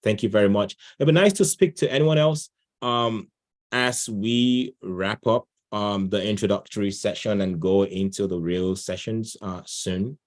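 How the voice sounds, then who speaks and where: On an online video call, a man with a lowish voice moderates a session at an unhurried pace. He keeps it informal, conversational and chatty, full of thanks and encouragement.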